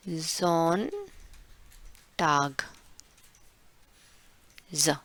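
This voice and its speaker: A woman from India teaching an online German lesson, breaking words into syllables and repeating them slowly. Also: fairly low pitch, a bit bright, dry recording. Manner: slow, syllable-by-syllable pronunciation drills.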